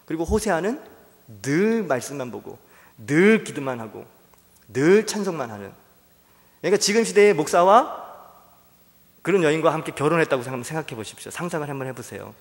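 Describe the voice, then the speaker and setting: A man's voice: on the high side, very animated, fairly quick, pauses often. A male pastor giving a Wednesday sermon, telling a story with frequent rhetorical questions to the congregation. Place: church sanctuary. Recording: long church-hall reverb.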